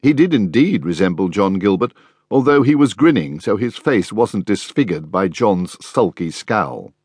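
A man reading an audiobook in the first person, wry and measured. His pitch moves lively through each sentence, and the recording is close and dry with no room sound. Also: slightly rough, no echo. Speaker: audiobook narrator. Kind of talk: scripted first-person narration.

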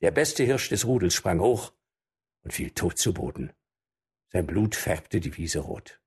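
Husky-voiced male audiobook narrator. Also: sits low, a little slow. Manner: expressive, animated storytelling. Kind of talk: scripted narration.

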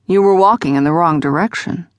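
A woman's voice: fairly low pitch, brisk, dry recording, lightly acted. A woman narrator voicing a cautious, curious man driving in a storm, asking plain questions. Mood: probing. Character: male driver, cautious and curious.

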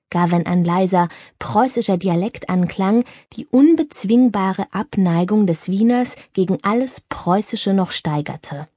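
A woman reads a memoir aloud as audiobook narrator, measured and even in her delivery. Her voice is husky and mid-pitched. The recording is dry and close, with no room sound. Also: no room sound.

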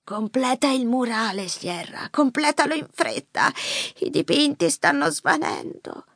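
A woman voicing a frail old grandfather weakened by a stroke, pleading urgently in a halting, breathy way for an audiobook. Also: high-pitched, very animated, a bit bright, no room sound, voice pushed up, exaggerated voice. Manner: slow pleading warnings. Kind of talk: audiobook character voice. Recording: dry close studio mic.

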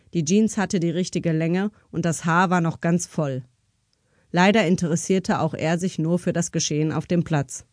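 A woman reading a crime novel aloud as an audiobook narrator, in measured, even storytelling. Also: on the low side, no echo, studio quality. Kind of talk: scripted narration.

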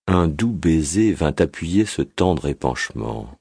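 A man reading a literary audiobook as narrator, in a measured, dramatic way. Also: extremely low pitch, sing-song, vocal fry, a little mellow, husky, no echo, clean studio sound.

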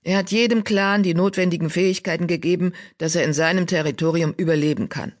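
A woman doing a calm, reasoning tomcat leader. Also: fairly low pitch, fast, close to an everyday voice. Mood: persuasive. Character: male cat clan leader, calm and reasoning.

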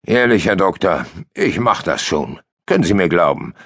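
A man's voice: deep voice, big pitch swings, normal speed, fairly bright tone, slightly rough, no room sound, studio quality, exaggerated voice. A man doing a shifty folksy islander. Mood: evasive. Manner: folksy, ungrammatical, sly.

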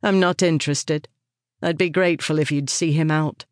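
A woman's voice: low voice, fairly even intonation, normal speed, no echo, clean studio sound, close to an everyday voice. A woman reading the part of a cold, guarded former policewoman in a wheelchair in an audiobook thriller. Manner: curt, guarded.

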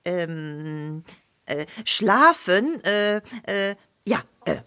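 A woman voicing a patient hen who keeps gently correcting the rooster, in a children's audiobook. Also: on the low side, lively intonation, clear, resonant tone, no room sound, full character voice. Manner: gently correcting, soothing, unhurried. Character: patient, know-it-all hen, Serge's companion.

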